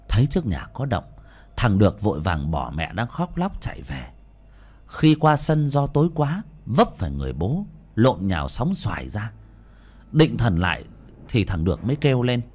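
A man's voice: mid-range voice, breathy edge. A man narrating an audiobook story dramatically. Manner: dramatic, expressive.

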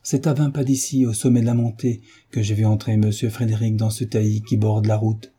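A man reading the part of a sturdy farmer guiding a lady, steady and respectful. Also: fairly low pitch, a little fast, breathy edge. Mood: reassuring. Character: sturdy, calm, dutiful male farmer guide.

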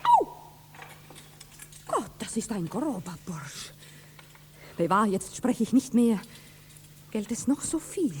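Proud young count's daughter, indignant, somewhat high voice, faint hiss. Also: female voice, very animated, takes it slowly, long pauses, darkish tone. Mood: scolding. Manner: indignant, reproachful. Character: proud young count's daughter, spirited and quick to take offense. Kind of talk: classic stage verse, 1960s radio play.

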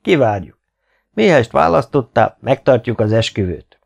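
A man's voice: medium pitch, sing-song, vocal fry. A man voicing a commanding medieval king in an audiobook, proclaiming to his court in a raised voice. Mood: magnanimous. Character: commanding medieval king, stern but pleased.

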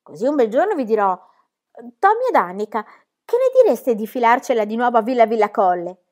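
A woman voicing an exuberant, carefree young girl who talks loudly and teasingly in a storybook reading. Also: a little high, very animated, brisk. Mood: gleeful. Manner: loud, gleeful and teasing.

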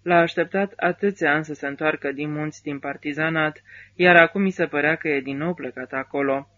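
A man's voice: fairly high pitch, steady tone, sharp tone, no echo, muffled recording. A man reading the part of a grieving army driver who tells of a comrade's death in a weary, bitter way. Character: grieving middle-aged male army driver.

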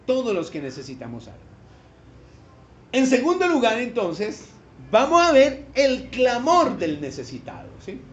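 A male pastor preaching a sermon, telling a story and acting out the voices, sometimes rising to shouted cries. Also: very high-pitched, echoey room, dull audio, slight background noise.

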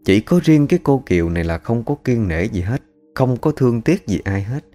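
A man's voice: medium pitch, expressive, fairly quick, warm tone, faint music behind. A man narrating a ghost story in a colloquial, chatty way.

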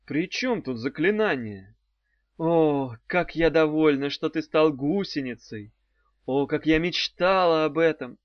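A man voicing a young woman sorceress who taunts with mock-passionate, breathy sighs, in a dull, dry recording. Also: on the high side, animated, measured pace, dry recording.

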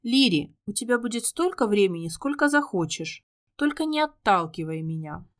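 A woman's voice: medium pitch, lively intonation, moderate pace, natural voice. A woman reading an earnest, pleading young suitor. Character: young red-haired man, devoted, pleading lover.

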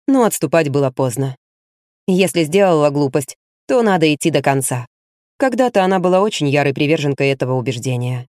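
An audiobook narrator reading a mystery novel in a steady, measured way, at a middling pitch. The recording is dry and close, with no room sound around the voice. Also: no room sound. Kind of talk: scripted narration.

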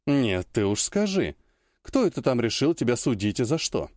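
A composed female priestess from an audiobook, speaking slowly and with exact care, as a man voices her. Her lines come out unhurried and modest, in a lively yet steady reading, recorded dry and close. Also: mid-range voice, no echo, close to an everyday voice. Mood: insistent.

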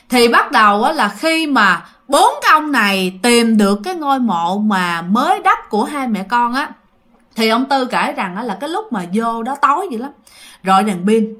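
A woman's voice: fairly high pitch, sharp tone. A woman with a Southern Vietnamese accent telling a ghost story casually, chatty and speaking directly to listeners. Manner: chatty, addresses listeners directly, many fillers.

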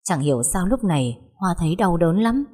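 A woman's voice: lowish voice, moderate pace, husky. Woman narrating a story with long reverb. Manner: steady storytelling.

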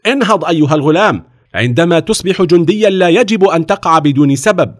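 Brief: man doing a stern officer in a children's story, loud firm orders. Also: on the high side, very animated, brisk, pitched above the performer's own voice. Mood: commanding. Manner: stern, commanding. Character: stern male army officer, firm and mocking.

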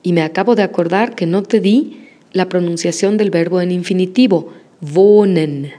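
A woman teaching a language lesson, modeling words slowly and praising the listener after each repetition. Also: fairly low pitch, warm tone. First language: Spanish. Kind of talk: slow, patient language lesson with repetition drills.

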